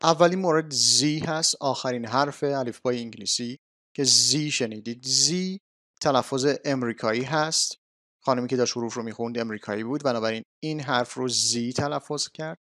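Male teacher, patient, repeats sounds slowly, dry close voice. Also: medium pitch, sharp tone, no room sound. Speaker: English teacher. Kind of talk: explaining a language lesson.

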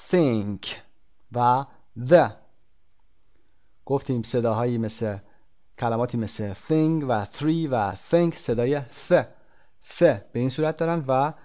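A man walks through an English textbook lesson. His English words come slow and deliberate, one at a time, and his explanations run brisk in between. His voice sits at an ordinary middle pitch. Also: darkish tone. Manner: reads English words slowly and carefully, explains quickly in Persian. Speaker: English teacher.

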